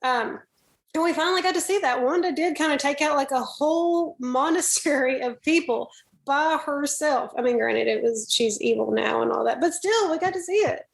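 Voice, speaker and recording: Podcast guest, woman, bright high voice, playful casual film talk. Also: moderate pace, gravelly. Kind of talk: casual film review chat.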